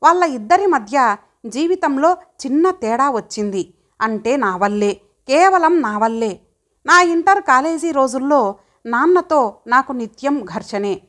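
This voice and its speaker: A woman narrating an audiobook story in an expressive storytelling manner. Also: high voice, unhurried.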